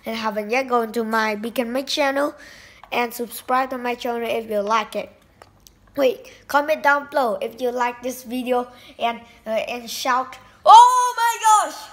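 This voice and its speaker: Bright-voiced woman unboxing a toy helicopter. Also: on the high side, normal speed. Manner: excited, exclaiming, talks to viewers as guys. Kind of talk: casual unboxing vlog. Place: indoors at home. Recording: echoey room, faint noise.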